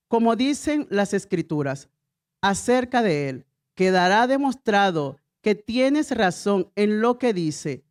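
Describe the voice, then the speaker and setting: A woman's voice: on the high side, a little mellow. Emphatic woman pastor preaching. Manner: emphatic preaching with repeated refrains and call-and-response. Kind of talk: sermon.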